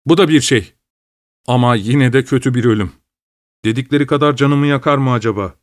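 A man's voice: mid-range voice, brisk, no room sound, studio quality, close to an everyday voice. A man doing a fanatical, theatrical anarchist. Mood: grim. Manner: theatrical, self-pitying declarations. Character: fanatical male anarchist, vain and defiant.

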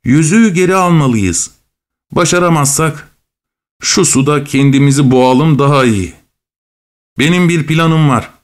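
A man's voice: on the high side, measured pace, long pauses, natural voice. A man voicing a clever, determined cat in a storybook reading, urgent and commanding.

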